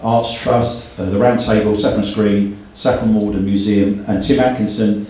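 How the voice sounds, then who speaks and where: Speaking at normal speed with fairly even intonation, a middle-aged man with a lowish, dark voice thanks people and reads out names at an event he hosts. He's also a company director. The hall is very echoey, and the microphone sits at a distance.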